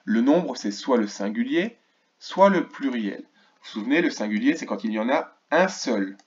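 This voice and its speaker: Man teaching first graders, slow and clear. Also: medium pitch, expressive, highs cut off. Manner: slow, clearly articulated, stretches key words; asks questions of an absent class. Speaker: primary school teacher. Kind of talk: remote lesson for first graders.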